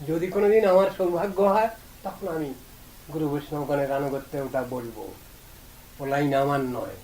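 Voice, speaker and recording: A man's voice: fairly high pitch, moderate pace, mellow, poor audio. A man giving a devotional discourse as a Vaishnava preacher, emphatic and stern, posing rhetorical questions.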